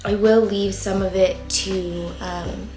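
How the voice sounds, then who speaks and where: A young plant YouTuber, worn out and going hoarse, chats casually through her setup in a warm home plant room, rambling slowly with likes and ums. Her mid-pitched, dark-toned voice stays fairly even and rings a little in the roomy space over soft background music. It's captured on a camera mic with a ring light.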